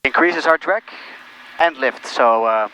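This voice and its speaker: A male pilot with a bright, forward voice talks casually through a cockpit headset. Faint aircraft noise sits behind his commentary and radio calls. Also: mid-range voice, measured pace, low-quality recording. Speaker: pilot and vlogger. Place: small aircraft cockpit in flight.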